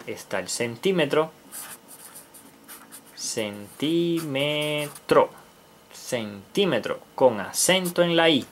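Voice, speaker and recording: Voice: mid-range voice, slight background noise. A teacher giving a math lesson to young children, patiently repeating key words and counting aloud while writing.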